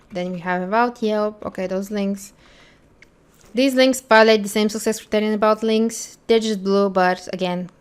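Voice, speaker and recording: This Bulgarian-speaking woman works as an accessibility instructor, and her pitch is medium. Testing a website for a screen-recorded tutorial, she thinks out loud in a frank, blunt manner.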